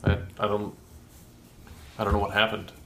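A man's voice: on the low side, completely flat delivery, normal speed, gravelly, pushed and bright, roomy sound, a little hiss or hum. A man playing in a tabletop role-playing game, casual and joking, swearing freely. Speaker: player. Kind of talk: casual play talk.

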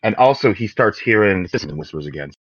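Deep-voiced man playing a tabletop game. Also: lively intonation, no echo. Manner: quick, eager spell planning. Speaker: player. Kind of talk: casual tabletop game play. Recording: dull lo-fi.

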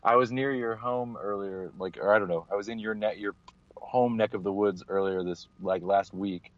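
Man on a thin, bassless phone line. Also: steady tone, normal speed, no room sound. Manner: rambling, laughs easily. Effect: thin phone-line sound with no bass. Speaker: co-host. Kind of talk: casual sports chat. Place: parked car by the roadside. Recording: dull dry phone line.

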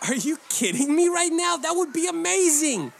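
A woman's voice: very high-pitched, animated, normal speed, vocal fry, exaggerated voice. An actress playing a young woman who assists at children's parties, casual and slangy in a scripted comedy. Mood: thrilled. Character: young woman party entertainer's assistant, dry and eager. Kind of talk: scripted screen comedy acting.

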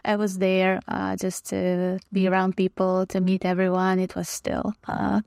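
Woman from Croatia as podcast guest, relaxed chat, laughs a lot, dry close mic. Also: medium pitch, a little slow, creaky, smooth, no room sound. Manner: friendly, laughs often, many fillers. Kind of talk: casual chat.

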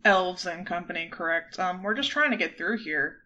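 A woman's voice: on the low side, normal speed, bright, forceful tone, dull audio, slight background noise. A woman playing a tabletop role-playing game, chatting casually with a dry, wry manner.

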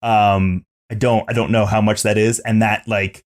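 A man with a somewhat low voice co-hosts a casual podcast. He thinks aloud, stopping and restarting, padding with "like" and "um". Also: flat delivery. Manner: halting, searching for words, many fillers. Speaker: podcast co-host. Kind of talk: casual chat reviewing a show.

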